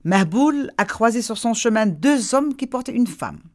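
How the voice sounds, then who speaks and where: A woman telling a folk tale to listeners, slow and lilting. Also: on the high side, expressive, darkish tone. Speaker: storyteller.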